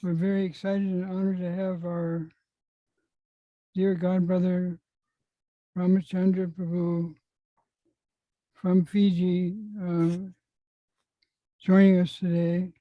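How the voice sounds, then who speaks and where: A host introducing a guest and asking interview questions, slow and halting. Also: medium pitch, level tone, dry recording, narrow, tinny audio.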